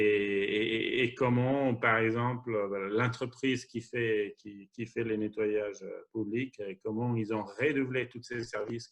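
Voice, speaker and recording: Low-voiced man with a Spanish accent. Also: a bit bright. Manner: hesitant, repetitive, emphatic non-native French. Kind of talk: spontaneous panel remarks.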